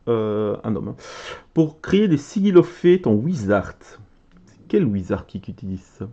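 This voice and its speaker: An excitable, chatty Belgian card game content creator opens trading cards and reads their names aloud in casual commentary, his pitch swooping up and down animatedly. The audio is muffled and lo-fi, like a simple home setup.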